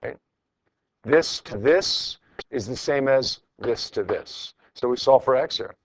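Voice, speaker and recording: In a classroom full of students, a middle-aged physics teacher talks slowly with lively intonation and vocal fry at a medium pitch. He works through problems informally and encouragingly, repeating phrases for emphasis, while a little hiss or hum sits under the audio.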